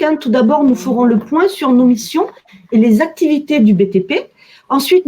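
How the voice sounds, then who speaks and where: A woman with a southern French accent from the Midi-Pyrénées introduces and moderates a webinar, speaking in a measured way with frequent fillers. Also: sits high, a little mellow. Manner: measured, with frequent "alors" and "euh". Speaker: webinar moderator, communications officer.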